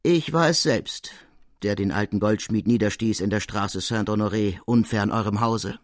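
A man's voice: mid-range voice, lively intonation, moderate pace, dry recording, clean studio sound. Casting: frank, proud male guard officer, firm and emphatic, read by a male narrator in an audiobook.

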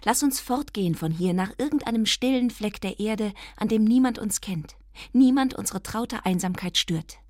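A woman's voice: mid-range voice, expressive, normal speed, no room sound, studio quality, close to an everyday voice. A woman reading the lines of an earnest, pleading young man in love, a scholar, in a literary reading. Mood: ardent.

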